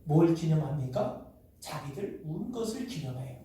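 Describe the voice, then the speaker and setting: A man's voice: a little high, lively intonation, normal speed, mellow. A middle-aged male pastor preaching a sermon, asking the congregation rhetorical questions and acting out the voices in the stories he tells. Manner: acts out quoted voices in dialogue. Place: church sanctuary. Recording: echoey church from far off.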